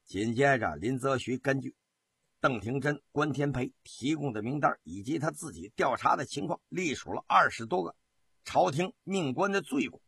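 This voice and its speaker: A man's voice: mid-range voice, expressive, moderate pace, a bit bright, breathy edge, no room sound. A male storyteller narrating a historical tale in a dramatic, colloquial manner. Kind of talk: traditional Chinese oral storytelling.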